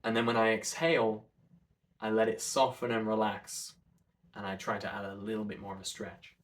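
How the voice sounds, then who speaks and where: A man coaching an articulation warm-up in an instructional, demonstrative way, with careful enunciation. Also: on the low side, flat delivery, moderate pace. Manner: demonstrative, over-enunciates counts and sounds.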